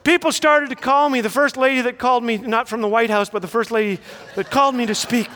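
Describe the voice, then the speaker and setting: A man's voice: very high voice, fairly even intonation, fast, pushed and bright. A middle-aged man giving a humorous, inspirational graduation speech, telling stories with comic timing. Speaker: graduation speaker. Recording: echoey hall reverb.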